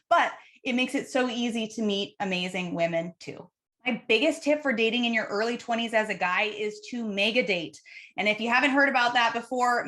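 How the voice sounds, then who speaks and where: A woman's voice: a little high, fairly bright tone. A woman dating coach hosting an advice video, talking instructively to the viewer and stressing her key words. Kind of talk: advice video to camera, numbered tips.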